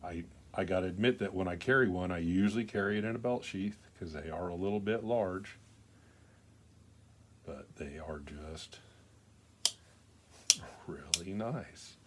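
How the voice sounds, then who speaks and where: Older man, low-pitched voice, folksy plain talk, casual show-and-tell, unhurried rambling. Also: background noise. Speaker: knife collector presenting his pocketknives.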